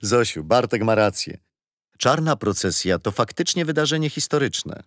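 In a children's radio play, an actor voices a kind, elderly grandfather who patiently recounts stories and history with playful teasing. His mid-range voice swings widely in pitch at a moderate pace, and the dry, clean studio recording sounds close to an everyday voice.

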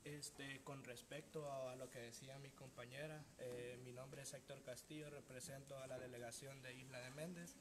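A man's voice: mid-range voice, flat delivery, normal speed, hardly any pauses, background noise. A young man with a Salvadoran accent, representing a band delegation, explaining events with frequent fillers. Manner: explanatory, many fillers like "este" and "eh". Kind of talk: public statement.

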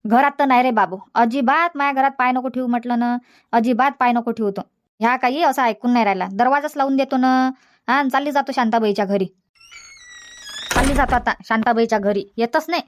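Cartoon: woman voicing an elderly village mother, high, sharp-tongued, stubborn. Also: fairly quick, lightly acted. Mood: complaining. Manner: scolding, repetitive, dismissive. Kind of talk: cartoon comedy dialogue.

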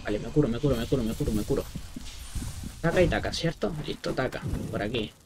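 A male gaming streamer does casual let's-play commentary like a scared horror game player, jumpy and swearing freely. His medium-pitched voice is animated and fast, and the background is noisy.

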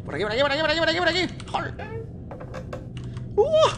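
A man with a Spain Spanish accent doing excitable horror game let's play commentary at a desk mic, swearing and shrieking when startled. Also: very high voice, fast talker, noisy background. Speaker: gaming YouTuber. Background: game music and keyboard typing.

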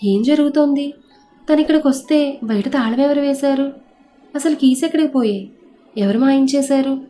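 A woman voicing an anxious young husband who urgently questions his family, her own higher, mellow voice barely changed. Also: moderate pace, faint music behind, natural voice. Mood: worried.

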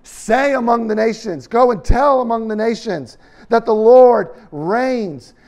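A middle-aged man preaching a sermon in a church hall, animated and gesturing, swinging from loud emphasis to quiet asides. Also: very high-pitched, unhurried. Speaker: pastor.

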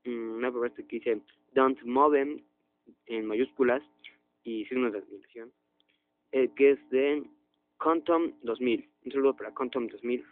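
Young man, gaming commentary, excitable outbursts, thin phone-like audio. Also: measured pace, long pauses. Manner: excitable, jumps to loud high outbursts. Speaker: gaming youtuber. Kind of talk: let's play commentary.

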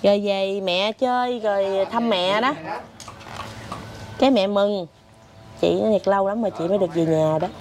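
A woman's voice: medium pitch, a little fast, hardly any pauses, a crowd in the background. A woman, telling her family's story in casual chat. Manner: animated storytelling with laughs. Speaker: interviewee.

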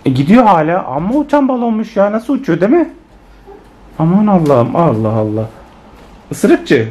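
A woman's voice: lowish voice, normal speed. A woman filming her children at home on a phone and chatting playfully to her viewers. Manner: animated, playful, teasing the child, addressing viewers as friends. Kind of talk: casual family vlog narration to viewers. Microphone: handheld phone camera.

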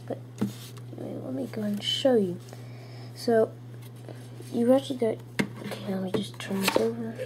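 In a creaky, medium-pitched voice at a moderate pace with long pauses, a child or teen gives an informal, rambling gadget review. They film indoors in a small room at home, and the handheld camera's built-in mic makes the audio noisy with clicks.

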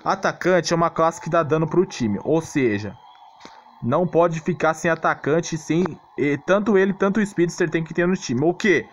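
At a normal speed, a Brazilian gaming host with a somewhat high voice talks through a gameplay tutorial in a casual, blunt, exasperated manner. He often adds check-in questions to confirm the listener follows, and the dull audio carries background noise and clicking sounds.

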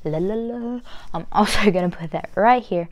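A woman's voice: medium pitch, normal speed. Chatty young woman vlogging from her bedroom. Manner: chatty, laughs easily. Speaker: reaction vlogger. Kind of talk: casual reaction commentary. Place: bedroom, indoors.

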